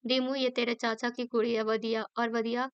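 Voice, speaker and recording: A woman's voice: a little high, level tone, normal speed, clean tone, dry recording, dull audio, lightly acted. A woman voicing a fond, coaxing older grandmother. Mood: doting. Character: doting Punjabi grandmother, affectionate aunt.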